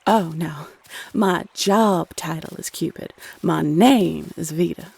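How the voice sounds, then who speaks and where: Female Cupid, acted by a woman, lowish creaky voice, sassy, teasing, chatty, bossy, audio roleplay. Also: slow pace, a little mellow, heavily acted. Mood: friendly, sassy. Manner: sassy, chatty, teasing, uses pet names. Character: playful, teasing female Cupid, bossy little love goddess. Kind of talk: scripted audio roleplay addressed to the listener.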